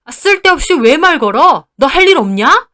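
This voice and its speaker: A woman's voice: sits high, big pitch swings, moderate pace, pitched above the performer's own voice, heavily acted. Woman doing a raging old restaurant man. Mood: furious. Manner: shouting in a rage. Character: hot-tempered older man, a restaurant father-in-law.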